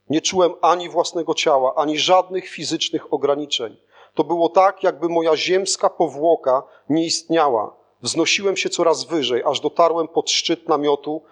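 Reading from a script, not speaking off the cuff, a male audiobook narrator tells a spiritual testimony in the first person. The reading is steady and earnest, and his pitch sits slightly above the typical male range.

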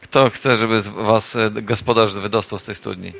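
A man preaching a sermon to a congregation in a church, telling a parable in a repetitive, playful way and rising into shouted refrains. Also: lowish voice, fairly even intonation, moderate pace, gravelly.

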